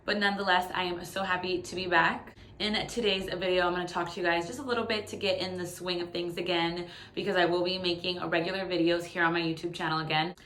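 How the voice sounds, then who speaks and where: A YouTuber in her late twenties films a chatty, honest personal update on her phone in the living room. She speaks quickly, her voice lowish and a bit bright with fairly even intonation. The phone audio has an echoey room sound and slight background noise.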